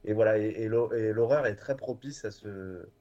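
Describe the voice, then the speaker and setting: A man's voice: fairly low pitch, moderate pace, mellow, muffled recording. A man chatting casually and enthusiastically, with many fillers and restarts. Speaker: guest from a horror streaming platform. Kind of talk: casual podcast chat.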